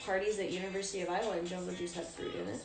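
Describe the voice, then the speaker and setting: A young woman in casual chat, animated and quick to laugh. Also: on the low side, vocal fry, reverberant, music in the background.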